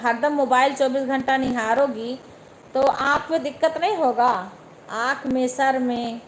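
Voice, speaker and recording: A young woman with an Awadhi accent chats casually on a live stream into her phone. Her voice sits a little high, and she takes her time, speaking to viewers one by one with faint noise behind her. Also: fairly even intonation, measured pace, rough recording. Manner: chatty, talks straight to viewers by name.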